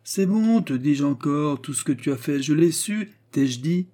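In an audiobook reading, a man voices a scheming, talkative old baron who needles his son, sounding sly, boisterous and needling. His natural, mid-range voice is dark in tone, with lively intonation at normal speed.

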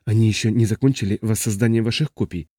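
A man voicing a cautious, measured advisory being. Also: on the low side, fairly even intonation, dark tone, dry recording, studio quality, lightly acted.

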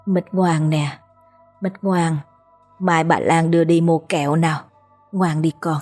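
A woman voicing a gentle older temple helper who soothes a child softly. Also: low voice, little pitch movement, unhurried, soft background music. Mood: soothing. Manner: soft, lulling.

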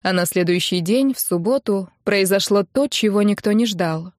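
A woman narrating a first-person novel in an even storytelling delivery as an audiobook narrator. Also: mid-range voice, normal speed, no room sound, clean studio sound.

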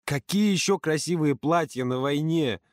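A man's voice: a little high, moderate pace, no room sound, clean studio sound, voice pushed up, natural voice. A man voicing a hot-tempered teenage boy who protests indignantly, in an audiobook. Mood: outraged.

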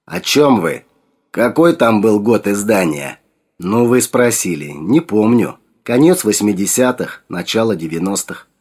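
A male audiobook reader voicing a restless, impulsive male artist in a brisk, slightly raised voice. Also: lowish voice, very animated, a little mellow, slightly rough, exaggerated voice. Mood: casual.

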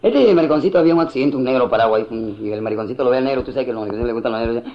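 A man's voice: mid-range voice, rapid-fire. A man with a Peruvian Spanish accent doing a slangy stand-up routine, slipping into mocking voices. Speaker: stand-up comedian. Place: live show with laughing audience and band. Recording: dull lo-fi live recording with loud crowd.

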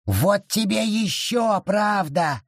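A man voicing a small, hostile wild forest creature that growls and shouts spiteful threats in an audiobook. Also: high-pitched, takes it slowly, no echo, clean studio sound, pitched above the performer's own voice, full character voice. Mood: raging. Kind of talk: audiobook character voice.

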